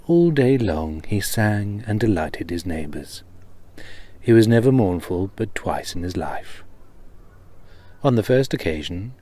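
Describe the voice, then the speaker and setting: A warm-toned man with a fairly low voice acts as storyteller, reading an old comic tale aloud in the manner of a narrated storybook.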